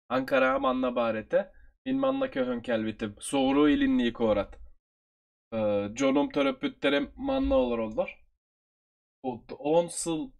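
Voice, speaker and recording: A man with a Turkish accent, from Turkey, teaching an online review lesson and repeating phrases slowly for his learners. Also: medium pitch, creaky.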